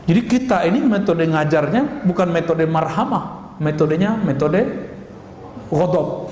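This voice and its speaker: A man preaching a lively sermon and asking the audience questions, now and then acting out scolding voices. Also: fairly high pitch, unhurried, slight background noise. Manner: animated, acts out scolding voices, laughs. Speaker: Islamic preacher. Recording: echoey hall recording with ambience.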